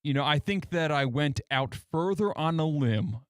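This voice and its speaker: A man's voice: a little high, animated, normal speed, clean tone, dry recording, studio quality. An American man chatting casually as a co-host on a radio show. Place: radio studio.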